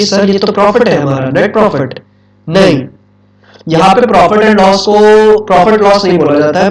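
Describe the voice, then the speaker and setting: A middle-aged man teaching an accounts class, quizzing students and repeating key points. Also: on the high side. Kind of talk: classroom lecture. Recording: echoey classroom from far off.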